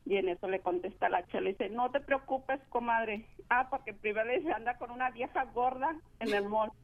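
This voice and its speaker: A woman's voice: a little high, fairly quick, gravelly, no room sound, phone-quality sound. A woman caller telling a joke on the phone, chatty and laughing.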